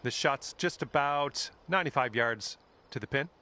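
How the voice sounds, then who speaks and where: Man as an upbeat golf commentator, bright voice. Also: mid-range voice, moderate pace, natural voice. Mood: calm, informative. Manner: casual, encouraging play-by-play. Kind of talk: golf video game commentary.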